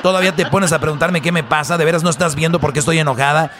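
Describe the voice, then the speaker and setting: A man voicing a furious married woman ranting at her husband in a shrill, screeching rant. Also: fairly quick, music in the background, lightly acted.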